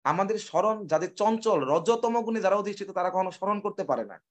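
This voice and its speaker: A man with a high voice preaching a devotional sermon. He poses questions and answers them himself, and he slows down to chant and recite verses. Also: expressive. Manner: asks and answers his own questions.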